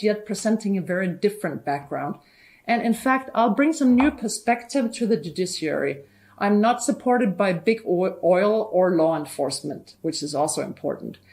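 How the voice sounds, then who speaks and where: A woman from Denmark speaks as a candidate for a judge's seat. She talks in an earnest, measured way, listing her qualifications one by one at a middle pitch. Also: a little mellow. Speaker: judicial candidate. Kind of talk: campaign pitch.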